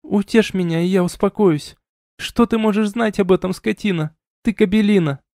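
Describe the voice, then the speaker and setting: A man voicing a drunk, tearful young woman mage who sobs and accuses, slurred and shrill. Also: moderate pace, darkish tone, dry recording, clean studio sound. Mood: angry. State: crying.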